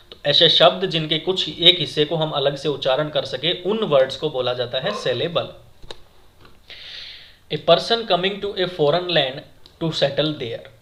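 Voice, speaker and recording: A man's voice: on the high side, pushed and bright. A man teaching exam vocabulary, asking questions and repeating the answers to his viewers. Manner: asks questions then repeats the answer, addressing viewers as friends. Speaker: exam-prep English teacher. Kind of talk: classroom lesson, explaining words.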